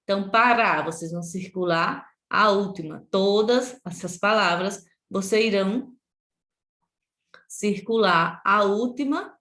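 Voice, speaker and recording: A woman teacher from Brazil with a Sergipe accent, giving a remote lesson to children and repeating words slowly and deliberately. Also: mid-range voice, fairly bright tone, roomy sound. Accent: Sergipe Brazilian Portuguese.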